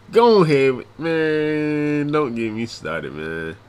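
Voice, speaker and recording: A man's voice: on the high side, expressive, very slow, a little mellow, clean tone. A man hosting a reaction video, laid-back and talking straight to his audience. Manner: laid-back, laughs, talks to the audience, says "bro". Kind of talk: casual reaction commentary.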